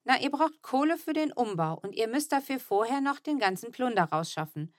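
A woman reading aloud plays Sam, a cheeky, breezy boy in a children's audiobook. He talks his ideas up lightly, his voice set higher than the narration, dry and close to the mic. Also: animated, fairly quick, no room sound, natural voice. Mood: explaining.

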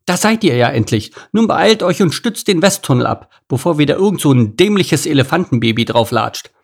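A man's voice: fairly high pitch, lively intonation, fairly quick, gravelly, slightly rough, pitched above the performer's own voice, exaggerated voice. A man voicing an impatient, bossy female meerkat colony boss who snaps out orders.

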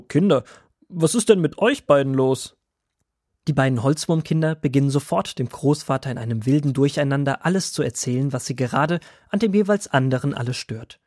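A man narrating a children's Bible story in a calm, clear storytelling manner. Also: medium pitch, no echo, studio quality.

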